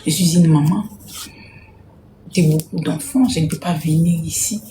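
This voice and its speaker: A woman from Congo hosting a casual live stream to sell jerseys, speaking softly and repeating herself. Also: deep voice, normal speed, reverberant, noisy background. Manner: soft-spoken, repeats herself. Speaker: livestream host selling jerseys. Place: home room, indoors.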